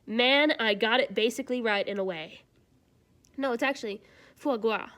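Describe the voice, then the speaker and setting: A woman streamer reading fan fiction aloud live, breaking off into chatty, animated reactions. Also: on the high side, normal speed.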